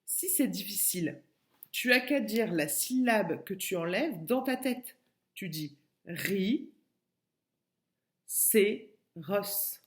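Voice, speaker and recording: A woman's voice: mid-range voice, animated, measured pace. A woman with a French accent, a kindergarten teacher recording a lesson for a child at home and breaking words into syllables patiently.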